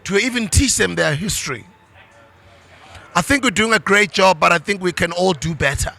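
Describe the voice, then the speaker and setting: A South African man in middle age speaks with preachy conviction, drifting between English and isiZulu. His voice sits high for a man and rings bright and forceful. A gravelly rasp runs under his words. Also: moderate pace, faint music behind. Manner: passionate, preachy, switches into isiZulu. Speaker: motivational speaker. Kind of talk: motivational monologue.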